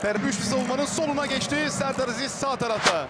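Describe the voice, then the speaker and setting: A man's voice: extremely high pitch, fast talker. A man giving live football match commentary. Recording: loud stadium noise over commentary.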